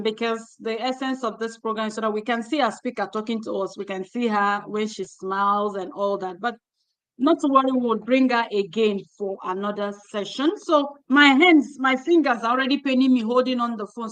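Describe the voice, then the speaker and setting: Lady host, kinda high voice, preachy and repeating herself, talking into a phone she's holding. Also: fairly even intonation, normal speed, a bit bright, low-quality recording. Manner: exhortative, preacherly, repeating phrases. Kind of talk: closing remarks on a livestream. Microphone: phone held in hand.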